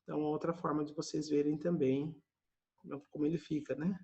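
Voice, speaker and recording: A Brazilian man with a notably high voice leads an online language lesson over a video call. He explains in a chatty, running manner and keeps checking in with his students through little questioning asides after almost every phrase. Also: flat delivery, fairly quick, warm tone, dull audio. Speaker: English teacher.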